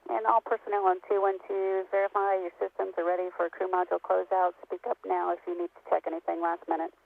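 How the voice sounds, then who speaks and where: Female launch controller, procedural radio announcements, flat delivery with creaky edge, phone-like narrow band. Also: lowish voice, fast talker, no room sound.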